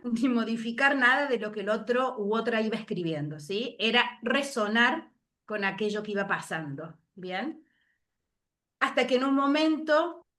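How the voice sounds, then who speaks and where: Moved woman speaking haltingly. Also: on the high side, a bit bright. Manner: moved, reflective, halting with fillers. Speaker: invited speaker. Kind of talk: emotional presentation over video call. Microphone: video call.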